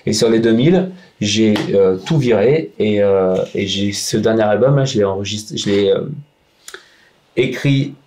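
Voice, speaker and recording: A man, a punk songwriter, talking in a casual round-table chat, animated and emphatic, often restarting his sentences. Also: fairly low pitch, moderate pace.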